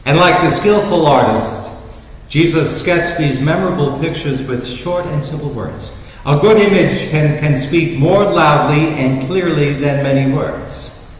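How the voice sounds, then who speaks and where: A priest reading the gospel and preaching a sermon in a large church, telling stories and asking rhetorical questions. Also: male voice, a little high, a little slow. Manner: storytelling, emphatic with rhetorical questions. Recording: echoey church hall with reverb.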